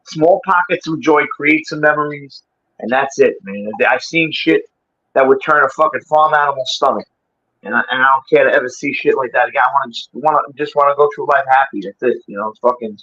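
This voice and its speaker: A man's voice: medium pitch, a little fast, sharp tone. A man in his sixties chatting casually and off the cuff, swearing freely and peppering his streetwise talk with bro, dude and man. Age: 60s. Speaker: guest in a livestream chat. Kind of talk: casual unscripted chat. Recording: dull lo-fi stream audio, clear background noise.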